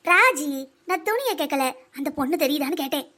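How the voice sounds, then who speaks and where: A woman's voice: expressive, brisk, noisy background. A woman voicing a bossy, chatty older village mother-in-law in a cartoon, with a southern Tamil Nadu accent and a girlish voice. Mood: curious. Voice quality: high, girlish voice for her age. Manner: teasing, bossy scolding. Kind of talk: village comedy cartoon dub.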